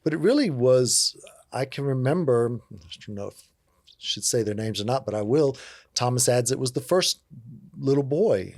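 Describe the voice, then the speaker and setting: A man in his fifties from Virginia tells his story in a relaxed, frank manner, joking about himself. His voice sits at an ordinary middle pitch. The recording is close and dry, with little room sound. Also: moderate pace, no room sound. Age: 50s. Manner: relaxed, candid, self-joking. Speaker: interview guest. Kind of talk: casual storytelling conversation.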